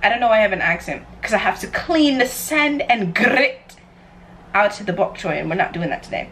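Fairly quick and animated, this young adult woman's mid-range voice has a fairly bright tone as she chats playfully to the camera. She's a New York vlogger filming a chaotic, self-described casual cooking vlog in her home kitchen, and room ambience and clear background noise are audible.

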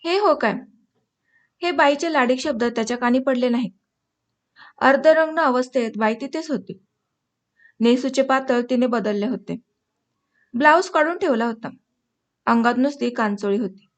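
A woman narrating an audiobook story in a measured, expressive reading voice. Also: sits high. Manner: measured, expressive reading, addresses listeners at the end.

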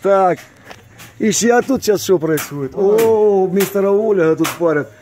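The speaker is a man with a Ukrainian accent narrating a backyard party on the grass while filming from behind a handheld phone. His voice is high-pitched and a little mellow at a normal pace, with slight hiss or hum in the recording. His playful commentary is repetitive, full of drawn-out exclamations and frequent tag questions.

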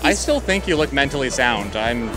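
A man's voice: mid-range voice, very animated, moderate pace, over music. A man in his thirties interviewing costumed fans at a convention with a handheld mic, joking in a dry, teasing and slightly awkward way. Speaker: comedy interviewer. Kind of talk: joking street-style interviews. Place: convention hall.

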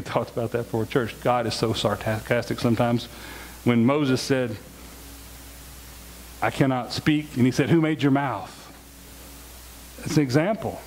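A man's voice: medium pitch, slight background noise, low-quality recording. Conversational male pastor preaching. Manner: conversational, emphatic preaching with repeated words. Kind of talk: sermon and closing prayer. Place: church sanctuary.

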